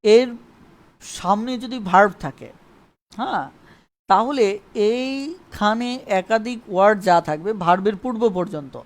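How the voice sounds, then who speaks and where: A man's voice: high-pitched, slow pace, long pauses. A man teaching an online English grammar lesson live. He repeats points and keeps checking that viewers understand. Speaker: English tutor.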